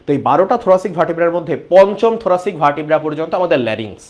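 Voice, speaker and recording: A male biology teacher runs an online class, his voice sitting a little higher than most men's. He explains each point step by step and keeps turning to his students with questions. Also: lively intonation, rapid-fire, a little mellow.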